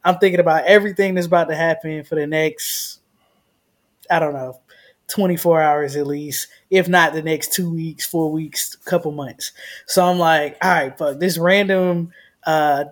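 A woman's voice: low-pitched, steady tone, moderate pace. A woman co-hosting a travel vlog, telling a story bluntly, swearing freely and acting out what people said. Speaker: vlog co-host. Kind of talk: casual storytelling.

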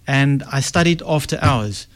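His pitch sits in the middle, with lively intonation, an unhurried pace and a slightly bright quality. This middle-aged guest, a success strategist with an Afrikaans South African accent, chats casually and reflectively about his story, now and then correcting himself.

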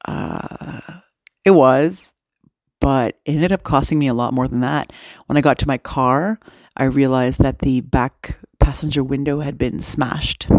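Bummed-out woman talking into her phone, vocal fry. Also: rumbling low, darkish tone, dry recording. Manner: rambling, with many fillers and restarts. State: dejected. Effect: recorded on a phone. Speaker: podcast host. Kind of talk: casual update to listeners.

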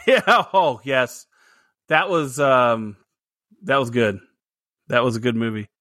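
Male podcast co-host, casual rambling chat, forceful bright tone, dry recording. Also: medium pitch, expressive, takes it slowly, dry recording. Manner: chatty, laughs often, rambling restarts. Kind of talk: casual movie review chat.

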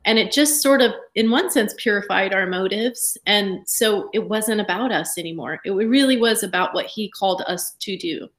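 A woman pastor speaks on a podcast in a reflective way. She often pauses and hesitates, and her voice is at an average pitch. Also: fairly bright tone. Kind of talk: podcast interview.

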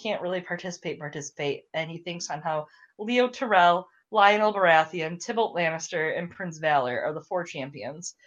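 A young woman with a fairly low voice hosts a casual podcast chat. She rants in an animated way and swears freely, and her talk is loose and conversational. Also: moderate pace, lo-fi sound. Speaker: podcast host.

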